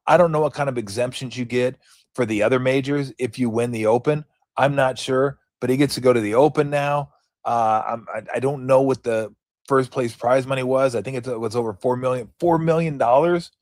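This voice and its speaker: A male sports talk host with a middle-pitched voice who rambles loosely and slips into jokey bits. His sound is dry and close, with no room around it. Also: dry recording. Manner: rambling, jokey, acts out players in mock voices. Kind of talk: casual solo sports talk.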